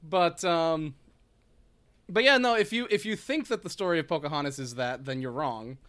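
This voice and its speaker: Mid-pitched wry podcast co-host. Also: moderate pace, fairly bright tone. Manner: wry, digressive, swears casually. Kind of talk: casual chat.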